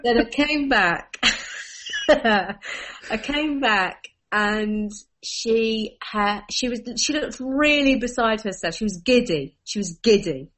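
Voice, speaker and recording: Animated woman telling stories. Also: on the high side, takes it slowly. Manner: animated storyteller, laughing through anecdotes. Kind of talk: casual chat.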